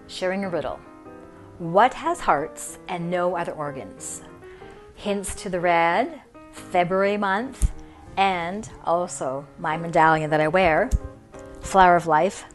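A middle-aged woman with a fairly low, somewhat bright voice hosts a cooking show from her home kitchen. In this cooking demonstration, she explains each step in a friendly way, using a few fillers.

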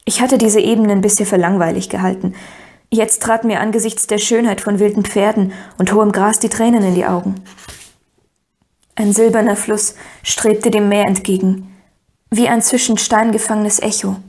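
A woman's voice: medium pitch, moderate pace. Woman narrating an audiobook. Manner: even, storytelling. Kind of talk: first-person audiobook narration.

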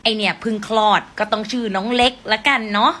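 High-pitched playful woman in skits. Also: steady tone, fast talker, bright, forceful tone. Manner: playful, exaggerated. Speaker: skit creator. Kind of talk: comedy skit acting.

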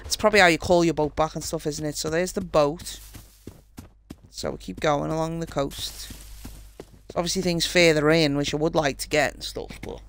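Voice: medium pitch, fairly even intonation, normal speed, fairly bright tone. A game streamer with a British accent, chatting casually and swearing freely while playing. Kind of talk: casual live-stream commentary. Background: game music.

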